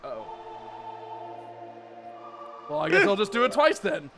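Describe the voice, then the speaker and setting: High, lively excitable male streamer. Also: measured pace. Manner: excitable, laughing, tangled rambling asides. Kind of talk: casual gameplay chat. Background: game music.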